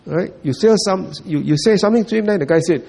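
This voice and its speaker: A man's voice: sits high, fast, gravelly, dark tone, slight background noise. A man giving a Buddhist dharma talk, repeating points, checking in with listeners and chuckling often. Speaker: Buddhist teacher.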